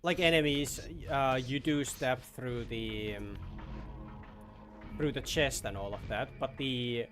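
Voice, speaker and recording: A man's voice: medium pitch, slow pace, fairly bright tone, soft background music. A man streaming a video game with casual, informal live commentary, exclamatory and prone to swearing.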